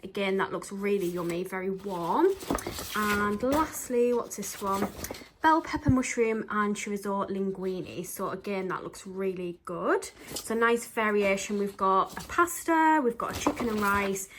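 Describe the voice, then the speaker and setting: A woman's voice: mid-range voice, lively intonation, measured pace, background noise. A woman chatting casually into her camera for a vlog, rambling with plenty of ums. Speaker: vlogger. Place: outdoors on a walk, then at home.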